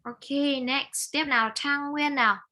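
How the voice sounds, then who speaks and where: A woman with a Vietnamese accent runs an English speaking lesson over a video call. Her bright, fairly high voice moves briskly between questions and pronunciation corrections. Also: steady tone, low-quality recording.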